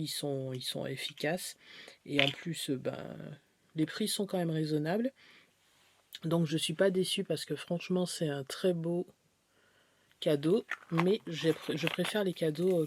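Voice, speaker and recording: A woman's voice: low-pitched, background noise. A woman beauty vlogger chatting through a haul video, rambling and hesitant as she shows items one by one.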